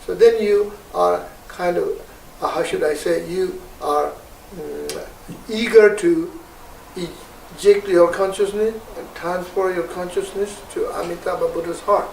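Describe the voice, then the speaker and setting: A man teaching and guiding a meditation, speaking slowly and haltingly as he searches for words, and sharply calling out meditation syllables. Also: sits high, steady tone, gravelly, darkish tone, a little hiss or hum. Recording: roomy, distant mic, faint ambience.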